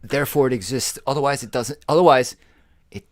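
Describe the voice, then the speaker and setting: A man co-hosting a podcast in casual chat, rambling and swearing freely as he thinks out loud. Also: medium pitch, a little fast, dry recording. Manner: rambling, profane, animated. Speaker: podcast co-host.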